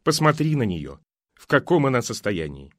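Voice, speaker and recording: A man voicing a haughty, disdainful older city woman, the mother-in-law, speaking in a cool, measured way. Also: mid-range voice, sing-song, no echo, clean studio sound, natural voice.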